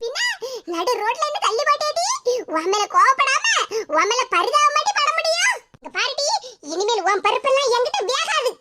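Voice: very high-pitched, very animated, normal speed. A performer voicing a quarrelsome older village mother-in-law with a Tirunelveli Tamil accent, wailing and scolding in a cartoon. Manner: wailing, scolding, dramatic complaints. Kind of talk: cartoon voice acting. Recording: loud background hiss.

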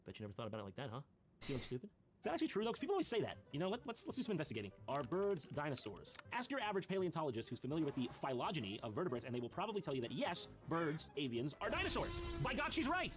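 Sarcastic man, mocking asides, high lively voice, music playing under. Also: very fast. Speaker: host reacting to video clips. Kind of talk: comedic commentary. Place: studio room with couch and brick wall.

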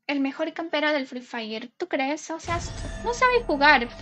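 Mujer streamer de voz aguda y charlatana. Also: female voice, high-pitched, big pitch swings, a little slow, sharp tone, soft background music. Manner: chatty, playful, greets viewers and reads chat names aloud. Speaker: gaming live streamer. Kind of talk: casual live stream chat.

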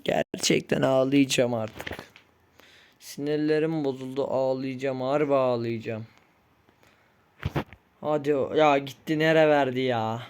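A man's voice: medium pitch, steady tone, a little slow, long pauses, slight background noise. Frustrated young man narrating his game. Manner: frustrated, pleading, swings from muttering to yelling. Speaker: gaming streamer. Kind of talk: Minecraft-style game commentary.

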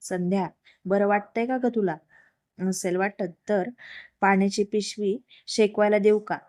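A woman's voice: medium pitch, fairly even intonation, unhurried, lightly acted. A woman narrator voices a friendly pregnant sister-in-law who teases and comforts. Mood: teasing. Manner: warm, teasing.

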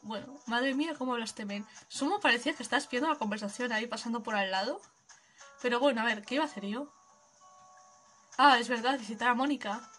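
Chatty young woman, high-pitched gamer voice. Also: fairly quick, a bit bright, soft background music. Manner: chatty, giggly, thinks aloud. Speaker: gaming video creator. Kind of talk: casual gameplay commentary.

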